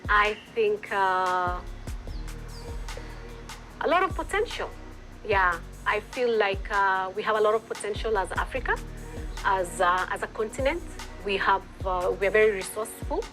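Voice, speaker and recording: A woman's voice: mid-range voice, lively intonation, fairly bright tone, faint music behind, poor audio. A Kenyan woman with a Kenyan accent, an entrepreneur answering interview questions in an earnest, reflective way. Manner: earnest, reflective, pauses with fillers.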